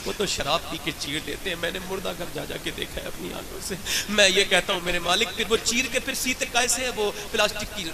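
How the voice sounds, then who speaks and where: A man preaching an emotional sermon at a religious gathering, swinging from loud impassioned calls to hushed pleading and acting out the dialogue of his stories. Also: high voice, vocal fry. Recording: live sermon with crowd noise.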